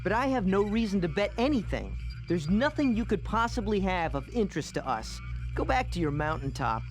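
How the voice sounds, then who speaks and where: A cocky young video game race driver with a very high voice. He fires back brash, defiant retorts while loud music plays. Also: sing-song, brisk.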